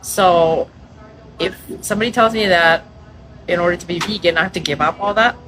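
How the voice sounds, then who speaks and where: A woman from Indonesia, a restaurant owner chatting casually in an interview, lively and quick to laugh. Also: lowish voice, noisy background. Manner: lively, laughs often, acts out quoted customers.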